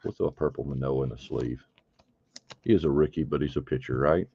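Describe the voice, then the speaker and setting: A man's voice: rumbling low, steady tone, a little fast, creaky, muffled recording, a little hiss or hum. A man hosting a live card break, chatting casually and thinking aloud as he opens packs. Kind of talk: casual live stream chat.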